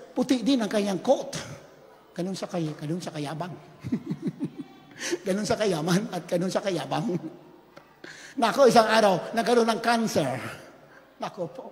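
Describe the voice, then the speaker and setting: High-voiced fervent male preacher in a hall. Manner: fervent, bursts into shouted praises, mixes in English phrases; chuckles while telling stories. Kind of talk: sermon.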